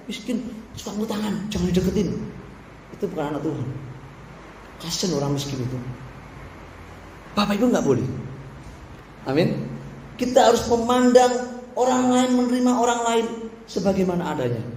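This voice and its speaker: Male pastor, forceful sermon delivery with loud and soft turns, faint room noise. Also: very high voice, roomy sound, rough recording. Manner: preaching with shifts between shouting and soft asides. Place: church.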